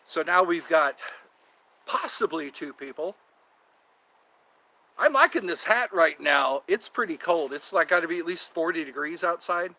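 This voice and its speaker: On a lo-fi recording, a US livestream host in his fifties chats with his audience in a loose, meandering way, full of lively intonation. His pitch runs a bit high with a bright, punchy edge, and he frequently drops into brief quoted voices mid-aside.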